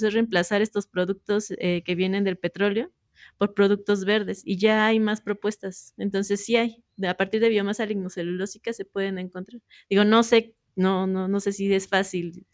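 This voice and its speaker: A mid-pitched woman explains corrections to students. She talks in a steady way and keeps checking in with tag questions. Her voice is recorded dry and close. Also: dry recording. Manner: explanatory, repeats tag questions, many fillers. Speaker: professor giving feedback. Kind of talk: classroom feedback on a student presentation.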